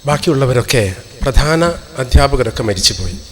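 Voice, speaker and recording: A man's voice: medium pitch, lively intonation, fairly quick, a little hiss or hum. Middle-aged man giving an earnest speech. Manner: earnest, reminiscing address to an audience. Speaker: alumnus speaking at a college reunion. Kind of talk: public speech.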